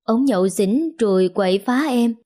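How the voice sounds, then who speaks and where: A woman's voice: on the high side, moderate pace, dark tone, close to an everyday voice. A woman voicing a tearful younger sister who pleads through sobs. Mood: tearful pleading. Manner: sobbing, pleading. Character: tearful younger sister fleeing drunk husband.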